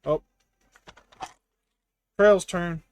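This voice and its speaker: A man's voice: high-pitched, drawn-out words, clear, resonant tone, no echo. A man with a Southern US accent, chatting casually and self-deprecatingly while building a brick set on a live stream. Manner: rambling, self-deprecating, wry.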